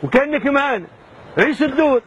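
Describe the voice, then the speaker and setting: High, fast-talking man pranking. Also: animated, a bit bright, lo-fi sound. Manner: coaxing, bossy, mock-menacing. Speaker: prank show host. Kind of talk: hidden-camera prank banter.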